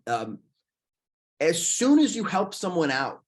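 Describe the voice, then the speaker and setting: A man's voice: on the high side, huge pitch swings, slow. A man hosting a podcast in casual conversation, thinking aloud in a reflective way with frequent restarts. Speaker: podcast host.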